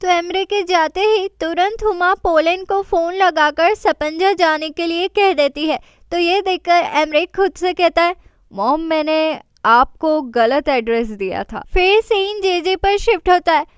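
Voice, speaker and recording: A woman's voice: very high-pitched, fairly even intonation, unhurried, few pauses, dry recording, studio quality. A woman narrating an episode recap as a story, reading every character's lines herself with light expression.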